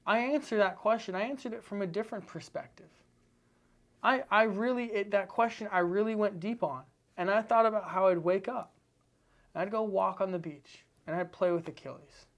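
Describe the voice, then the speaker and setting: A man's voice: sits high, moderate pace, fairly bright tone. A man from Seattle, a podcast guest, talking earnestly in a casual interview with repetitive, emphatic phrasing. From Seattle, United States.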